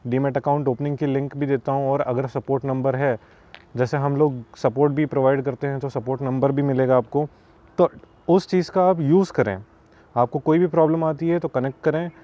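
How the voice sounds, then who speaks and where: A man's voice: mid-range voice, warm tone, lo-fi sound. A man narrating a screen-capture tutorial on trading, explaining casually and mixing in English phrases. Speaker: trading educator. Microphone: voice-over over screen capture.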